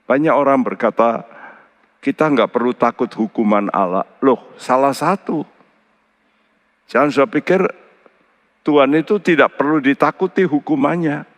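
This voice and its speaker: A middle-aged man preaching a sermon as pastor, animated, often jumping to high emphatic outbursts. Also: normal speed, pauses often. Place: large church hall. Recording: church service with long hall reverb.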